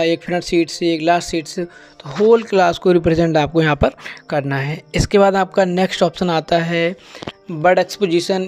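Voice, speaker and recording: A man who trains teachers, explaining a lesson plan in Hindi and reading the English lines slowly and deliberately. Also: high voice, a little mellow. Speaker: teacher educator.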